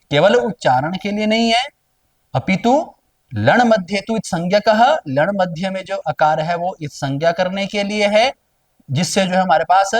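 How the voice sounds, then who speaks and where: A man with a high, light voice gives a grammar lesson, slightly distant from the microphone. He explains patiently, repeating key terms and asking questions he answers himself. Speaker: Sanskrit grammar teacher. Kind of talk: explanatory lecture.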